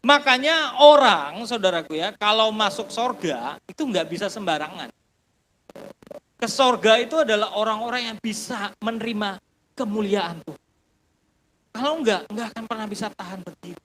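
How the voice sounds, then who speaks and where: A man preaching a sermon as pastor, swinging between loud bursts and hushed passages and often addressing the congregation directly. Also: high voice, lively intonation, normal speed, big-room sound, slight background noise, rough recording. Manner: preaches with sudden loud bursts and hushed drops, calls listeners "saudaraku".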